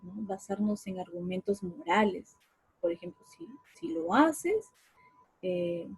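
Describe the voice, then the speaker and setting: A woman's voice: mid-range voice, dark tone, husky, no room sound, low-quality recording. A woman giving an informal talk on communication in the family, often tagging her sentences with a questioning "right?" and acting out what parents say to children. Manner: frequent tag questions and fillers; acts out parents' remarks to children.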